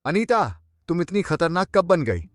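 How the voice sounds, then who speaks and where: An actor dubbing a dismissive, cheating husband, scornful and easily agitated. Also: male voice, sits high, very animated, moderate pace, dry recording, clean studio sound. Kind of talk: Hindi dub of a drama.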